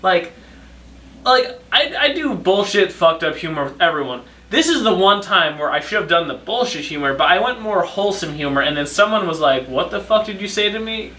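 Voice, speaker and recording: A man's voice: high voice, expressive, moderate pace, pushed and bright. A young man hosting a podcast, telling rambling stories in a sarcastic, profane, casual way. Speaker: podcast host. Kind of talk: casual storytime monologue. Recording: echoey room, distant mic.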